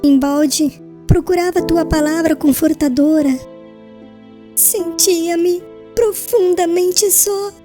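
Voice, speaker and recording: A woman plays a frail, gentle, devout young bride in a dramatised audiobook, her very high voice slow and fairly even over music. She speaks with tender humility in solemn, literary language, sounding sorrowful yet serene.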